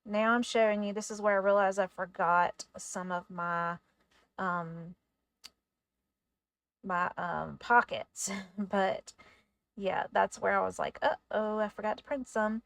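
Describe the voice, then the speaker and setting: A woman's voice: mid-range voice, takes it slowly, vocal fry, long pauses, no echo. Chatty woman narrating a craft tutorial. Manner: chatty, relaxed, stumbles over words. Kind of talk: casual voice-over tutorial.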